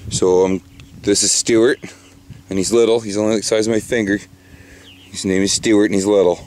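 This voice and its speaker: The speaker is a man vlogging about fishing from a small boat on a marshy bay outdoors, keeping up a jokey, casual commentary for the camera and swearing without restraint. He talks at a moderate pace in a lowish, darkish voice that moves little in pitch. Some slight background noise is present.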